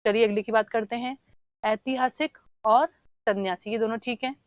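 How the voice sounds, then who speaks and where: A woman teacher going through exam answers one question at a time. She explains slowly, spells out words while she writes them and keeps checking with "theek hai". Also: on the high side, steady tone, no room sound, narrow, tinny audio. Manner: often says "theek hai" to check understanding. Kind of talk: exam answer discussion lesson.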